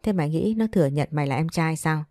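Woman reader doing a pushy, scolding storybook mother; low, dark, dry, faint music. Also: quick pace, no echo. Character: stern scheming middle-aged mother scolding her son.

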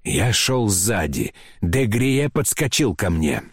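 Expressive male audiobook narrator. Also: fairly low pitch, takes it slowly, breathy edge, no room sound, studio quality. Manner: expressive, dramatic storytelling.

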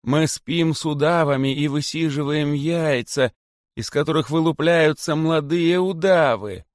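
A man's voice: on the high side, a little slow, no echo, studio quality, pitched above the performer's own voice, natural voice. A man voicing a chorus of frightened female boa snakes who plead in a hissing tone.

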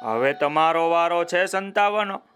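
A man voicing a small, playful, boastful female ant in a children's story, speaking in a high sing-song way. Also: a little slow, fairly bright tone, faint music behind.

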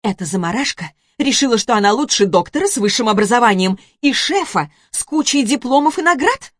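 Женщина-чтец озвучивает вспыльчивую бывшую жену средних лет, которая громко и обвиняюще кричит. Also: female voice, on the high side, expressive, brisk, dry recording, clean studio sound, pitched above the performer's own voice. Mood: scornful. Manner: heated, accusing, shouting. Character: furious shrill ex-wife, middle-aged woman. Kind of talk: audiobook character voice.

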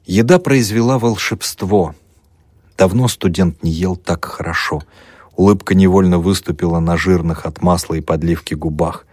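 A man narrating an audiobook, reading in a measured, quiet storytelling voice. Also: low-pitched, dry recording, clean studio sound. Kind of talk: scripted narration.

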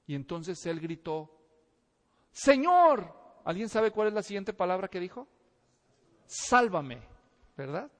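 A man preaching a sermon, telling a story in a lively way, acting out the voices and asking the congregation questions. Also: sits high, fairly quick, hardly any pauses. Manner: animated storytelling, acts out voices, asks the audience questions. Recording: reverberant hall.

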